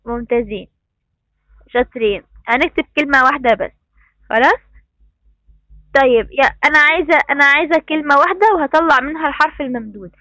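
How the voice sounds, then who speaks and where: A woman's voice: high voice, fast, pauses often, pushed and bright, no room sound. A woman with an Egyptian Arabic accent teaching an online class to young pupils. She encourages them, repeating praise and instructions. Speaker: primary school teacher. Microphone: computer mic on a video call.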